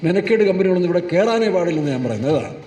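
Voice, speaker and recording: A man preaches in a scolding tone, firing rhetorical questions at his congregation. His voice sits high for a man. He is recorded from a distance in a church hall with a long, roomy echo. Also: animated, racing, dark tone. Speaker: pastor. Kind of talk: sermon. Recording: echoey hall, mic far off.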